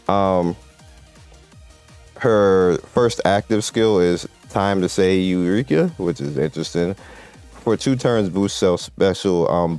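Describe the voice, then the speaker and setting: Video game music runs beneath a gaming video host's casual, meandering commentary. His voice is deep and a touch mellow, and he keeps things conversational.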